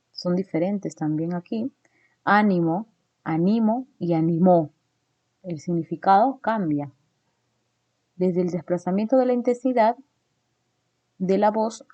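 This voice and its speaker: A woman teaching a recorded phonetics lesson. She walks through her slides, often checks in with her listeners with a quick "¿no?", and says sample sounds slowly and deliberately. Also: fairly low pitch, dark tone, dry recording.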